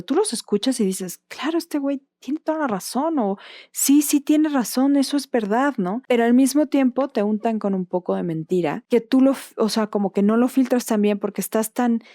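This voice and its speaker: A Mexican woman hosts her podcast in a relaxed, explanatory monologue, often checking in with a questioning tag at the end of a thought. Her voice is warm and mellow, and it is recorded dry and close, with no room sound. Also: mid-range voice, no echo. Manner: explanatory, often ending points with questioning tags. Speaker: podcast host.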